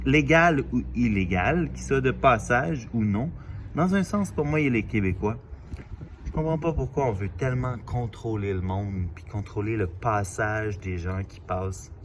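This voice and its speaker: A man's voice: lowish voice, slight background noise. Thoughtful Quebec French man outdoors. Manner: thoughtful, halting, with many fillers and restarts. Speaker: vlogger. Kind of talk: casual reflective monologue. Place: outdoors in a city alley.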